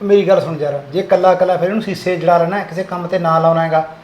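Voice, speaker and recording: A man's voice: sits high, steady tone, fast talker, a little mellow, natural voice. A man playing a farmer father who nags his lazy son to get up and work in a family drama. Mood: scolding. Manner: scolding, chiding. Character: farmer father, nagging, easygoing.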